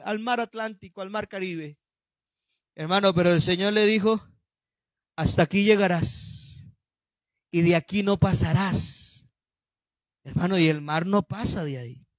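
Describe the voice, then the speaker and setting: A pastor delivers a sermon in a high, lifted voice, jumping between shouted peaks and quiet asides. The sound is dry and close, with a slightly dull, muffled tone. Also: male voice, measured pace, no room sound. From Colombia. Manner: preaching with sudden shouted peaks and hushed drops.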